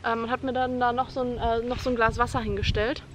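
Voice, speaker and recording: A young woman with a high voice tells a personal story to her camera at home. She retells it vividly and dramatically. Clear background noise runs under her voice. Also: little pitch movement, fast. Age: young adult. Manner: vivid, dramatic retelling, acting out her own screams and quoting others. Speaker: vlogger.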